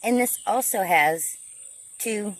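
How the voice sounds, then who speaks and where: A woman's voice: mid-range voice, takes it slowly, slight background noise. A woman narrating a casual garden vlog outdoors, thinking aloud as she works. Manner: chatty, thinking aloud while working. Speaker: gardener filming her garden.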